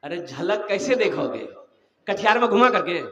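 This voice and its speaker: A high, bright male voice booms through an echoey hall as he preaches. He swings from shouted exhortation to hushed storytelling and keeps firing questions at the crowd. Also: sing-song, normal speed, far from the mic, dull audio. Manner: impassioned, swings from loud exhortation to quiet storytelling; questions the audience directly. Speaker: Islamic preacher. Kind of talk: fiery sermon to a crowd.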